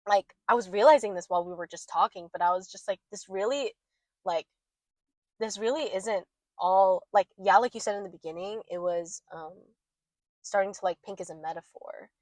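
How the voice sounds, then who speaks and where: Speaking at normal speed with a mid-range, darkish voice, a young podcast co-host keeps the casual chat candid and rambling, leaning heavily on "like." The recording sounds dry.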